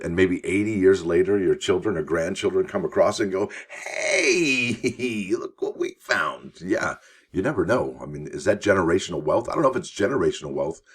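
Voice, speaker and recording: A man's voice: low-pitched, husky. A man hosting a coin news show, reading articles aloud with chatty, enthusiastic asides to his viewers. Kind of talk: casual news commentary.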